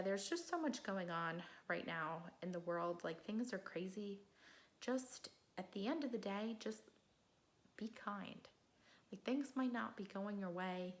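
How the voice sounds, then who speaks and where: A middle-aged woman telling an earnest story in a casual home vlog, chatty with many fillers. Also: medium pitch. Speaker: vlogger.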